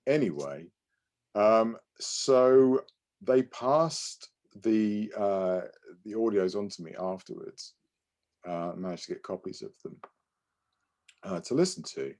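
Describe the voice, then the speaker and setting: A podcast co-host tells casual anecdotes, often correcting himself hesitantly and apologetically. His voice is lowish and darkish, with lively intonation but a slow pace.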